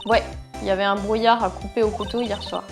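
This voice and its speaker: A woman's voice: mid-range voice, fairly even intonation, fast talker, natural voice. A woman voicing a brash, outspoken female photographer witness in a video game, read in a blunt, streetwise way over game music. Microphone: lapel mic.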